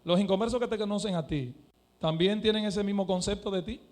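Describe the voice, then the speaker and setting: A man preaching a sermon as pastor, fervent, swinging from hushed to shouted and asking his listeners direct questions. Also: high-pitched, a little fast. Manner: asks the congregation direct questions.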